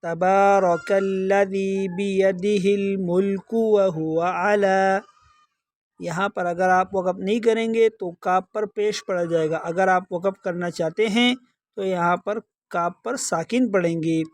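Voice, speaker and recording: A man with a high voice teaches recitation, explaining pronunciation patiently and repeating words slowly. The sound is dry and close, with no room echo. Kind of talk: tajweed lesson, explaining then chanting verses slowly.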